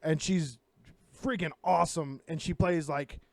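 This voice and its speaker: Podcast dude gushing and rambling, kinda high voice, super dry close mic. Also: male voice, steady tone, measured pace, vocal fry, no room sound. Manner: enthusiastic, rambling wrestling fan. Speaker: podcast co-host. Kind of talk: casual chat.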